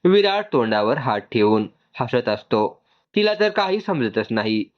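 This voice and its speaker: Calm male story narrator, lo-fi. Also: mid-range voice, a little slow. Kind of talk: scripted narration.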